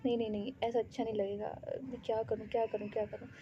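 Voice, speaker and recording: Woman voicing a dramatic, panicky young girl; mellow, dark tone. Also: on the high side, flat delivery, fast, muffled recording, faint music behind, close to an everyday voice. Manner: frantic, repeating herself.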